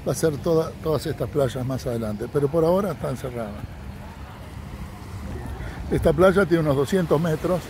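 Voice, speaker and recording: On a sunny beach, a man vlogs while walking, recommending places to his viewers in an upbeat way as a tour guide would. His voice is a little high and mellow, with a moderate pace and frequent pauses, and beach sounds can be heard in the background.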